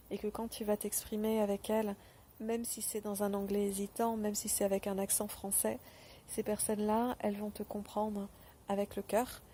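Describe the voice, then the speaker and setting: A woman giving a spoken testimonial straight to the viewer, gentle and earnest, with hesitant pauses and fillers. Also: mid-range voice, a little hiss or hum. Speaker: former program participant giving a testimonial.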